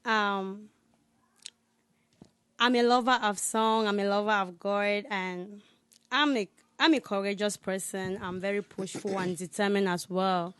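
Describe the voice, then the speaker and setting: A young woman is a guest on a radio interview in a studio. She is a singer and talks earnestly, with casual "like" fillers. Her voice is smooth and clear, and the sound is dry and close. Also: medium pitch, steady tone, unhurried, a bit bright, no echo. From Cameroon.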